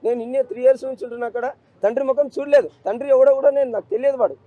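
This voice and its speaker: A man's voice: extremely high pitch, steady tone, rapid-fire, no room sound, phone-quality sound. A middle-aged grieving father, speaking in an emotional street interview, pleading and repeating himself. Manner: grief-stricken, repetitive, pleading.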